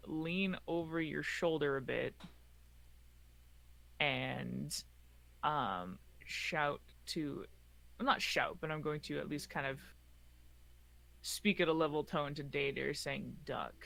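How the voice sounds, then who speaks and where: A man's voice: a little high, fairly even intonation, takes it slowly, gravelly, a bit bright. A man chatting casually as a tabletop game player, informally talking through his moves.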